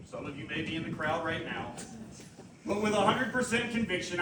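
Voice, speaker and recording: A man's voice: high voice, a bit bright. A tearful man giving a eulogy, his voice close to cracking, with wry self-deprecating humor. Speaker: eulogist, army physician. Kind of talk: eulogy speech. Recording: echoey room, distant mic, background noise.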